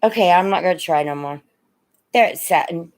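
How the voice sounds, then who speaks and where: Speaking fairly quickly in a voice on the low side, this Indiana woman, middle-aged or older and with a Midwestern accent, runs a livestream selling vintage goods and antiques. Her sales chat is casual, and she addresses viewers with terms of endearment.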